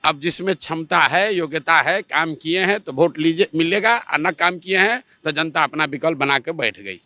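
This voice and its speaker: जोशीले बिहारी लहजे वाला आदमी. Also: male voice, on the high side, normal speed, bright, forceful tone, no echo. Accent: Bihari Hindi. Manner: emphatic, rhetorical, quotes others in mock dialogue. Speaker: party spokesman interviewed. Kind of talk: animated political argument. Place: Patna, Bihar.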